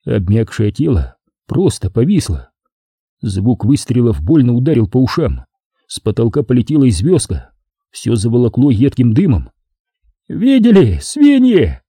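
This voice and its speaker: Dark, husky male audiobook narrator. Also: mid-range voice, moderate pace, no room sound, studio quality. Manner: steady first-person storytelling. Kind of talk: audiobook reading.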